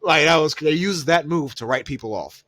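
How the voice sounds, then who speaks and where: A man's voice: fairly high pitch, normal speed, pushed and bright, dry recording. A man co-hosting a podcast, recapping wrestling in loose, profane casual chat full of fillers. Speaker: podcast co-host.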